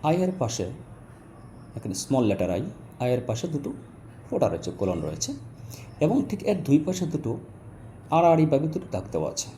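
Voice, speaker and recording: A male teacher talks his learners through pronunciation with a mellow, dark tone and a pitch that rises and falls a lot. He breaks each point into small steps and repeats example words slowly. Faint noise sits under the voice. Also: big pitch swings. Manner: addresses learners directly and informally. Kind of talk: Bengali-language phonetics lesson.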